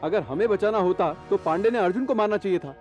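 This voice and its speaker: A man's voice: high voice, lively intonation, fast, a little mellow, lo-fi sound, soft background music. A man dubbing a bold, vengeful young hero who talks with a cocky, defiant edge. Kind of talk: Hindi film dubbing.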